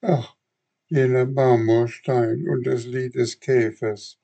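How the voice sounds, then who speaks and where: A man's voice: mid-range voice, fairly even intonation, takes it slowly, creaky, warm tone, lo-fi sound, voice pushed up. A man voicing an eager wooden puppet boy. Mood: pleading. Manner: pleading, raised and eager.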